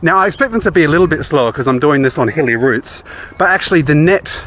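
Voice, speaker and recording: A man's voice: a little high, lively intonation, fast talker, a bit bright. An Australian man chatting casually in a running vlog, recorded outdoors. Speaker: running vlogger. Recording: clear outdoor background noise.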